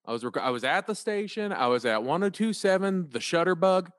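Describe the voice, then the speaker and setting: Rambling, flustered man for improv comedy; lively, swooping delivery, dry close mic. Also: high-pitched, a little fast, dry recording. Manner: rambling, flustered, slips into a put-on radio announcer voice. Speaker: comedy podcast cast member.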